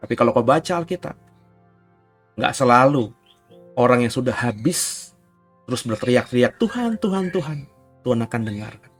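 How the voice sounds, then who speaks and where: Pastor guy preaching hard, gets loud on the big points, faint music under him. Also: mid-range voice, steady tone, moderate pace, long pauses. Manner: emphatic, rising to near-shouts on key points. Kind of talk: Bible teaching sermon.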